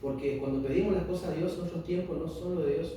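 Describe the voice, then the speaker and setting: Rioplatense male lay preacher, earnest testimony, slightly high voice, distant mic, faint noise. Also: warm tone, heavy reverb. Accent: Rioplatense Spanish. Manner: earnest, reads scripture slowly and emphatically. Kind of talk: informal sermon testimony.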